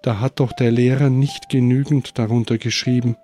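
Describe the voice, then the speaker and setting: A man's voice: medium pitch, level tone, normal speed, mellow, close to an everyday voice. A man reading as a remorseful young schoolchild.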